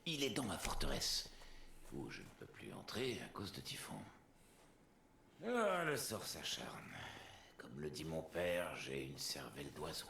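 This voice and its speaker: An actor voicing a boastful male war god in a video game, theatrical and quick to swing between gloom and bluster. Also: very deep voice, very animated, gravelly, echoey room, background noise, exaggerated voice. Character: boastful grown male war god, bird-brained and sulky. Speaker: game character.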